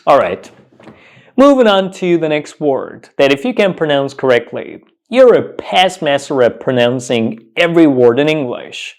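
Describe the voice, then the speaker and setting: A man's voice: mid-range voice, darkish tone. A man teaching English pronunciation, repeating each word several times with strong emphasis. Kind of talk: slow, emphatic pronunciation lesson.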